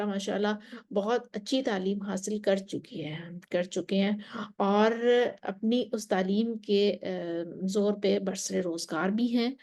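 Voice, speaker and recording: A woman teaching a Quran recitation lesson, explaining slowly and carefully, with Arabic recitation between points and some soft whispered remarks. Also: medium pitch. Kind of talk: religious lesson.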